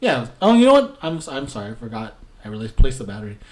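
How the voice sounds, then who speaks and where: A man's voice: mid-range voice, sing-song, fast talker. A young man co-hosting a casual podcast chat, joking around and laughing often. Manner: jokey, laughs often, does silly pirate voice. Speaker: podcast co-host.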